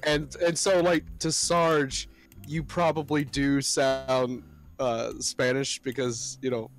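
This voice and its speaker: A man playing a tabletop game, chatting out of character over an online call in a halting, restarting way. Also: mid-range voice, level tone, soft background music. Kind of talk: casual out-of-character chat.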